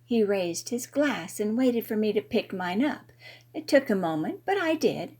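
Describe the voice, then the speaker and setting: A woman narrating a first-person story in an expressive, playful way. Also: medium pitch, moderate pace, husky.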